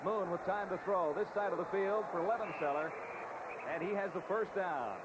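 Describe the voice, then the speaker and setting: High-pitched male football play-by-play announcer. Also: moderate pace, very noisy. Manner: clipped, factual calls. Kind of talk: TV football commentary. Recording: old TV broadcast, loud background sound.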